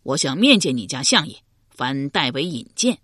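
A woman voicing a proud, burly male herdsman who speaks in a measured, aloof way. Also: extremely low pitch, very animated, a bit bright, husky, no room sound, studio quality, full character voice.

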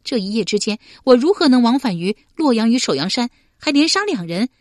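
A woman's voice: a little high, big pitch swings, fairly quick, no room sound, clean studio sound, voice pushed up. Woman voicing a fiery young swordswoman. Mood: indignant. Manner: sharp, indignant retorts. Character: young swordswoman, proud and quick-tempered.

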